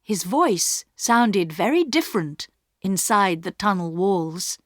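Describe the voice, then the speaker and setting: A woman narrating a story in slow, clearly paced English for learners. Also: mid-range voice, sing-song, no room sound, studio quality. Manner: clear, carefully paced reading.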